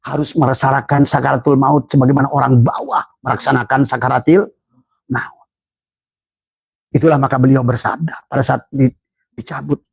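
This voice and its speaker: A man with an Indonesian accent, giving an emphatic Islamic sermon as a religious teacher, his pitch often climbing for emphasis. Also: steady tone, normal speed, creaky, pauses often, breathy edge, no echo. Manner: preaching with rising emphatic pitch.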